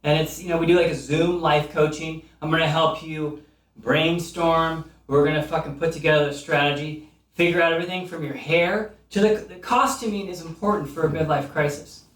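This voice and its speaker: A man's voice: on the high side, steady tone, fairly quick, fairly bright tone, reverberant, far from the mic. A middle-aged man hosting his own comedy show, ranting in a rambling, profane, mock-earnest monologue. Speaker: comedian host.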